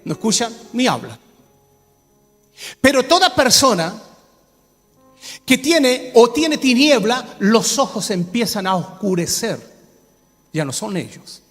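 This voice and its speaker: Male pastor preaching, high-pitched and questioning, in a reverberant church hall with faint music. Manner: preaches with rhetorical questions, rising to shouts. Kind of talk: sermon.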